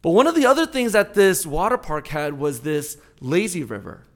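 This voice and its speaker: A man in his forties, a pastor giving a sermon, telling a personal story in an animated, conversational way. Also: a little high, moderate pace.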